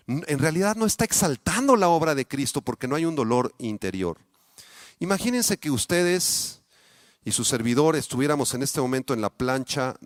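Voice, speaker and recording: A man with a Mexican accent, a pastor delivering a sermon, speaking straight to his congregation with many rhetorical questions, his voice swinging between loud peaks and quiet, low asides. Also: no echo. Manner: addresses the congregation directly with frequent rhetorical questions.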